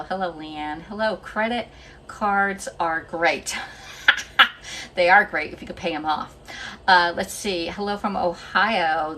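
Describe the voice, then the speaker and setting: On her phone-camera cooking stream from home, the Northeast Pennsylvania host has a lowish, slightly bright voice. She greets viewers by name and chats casually while a bit out of breath, with slight background noise in the recording.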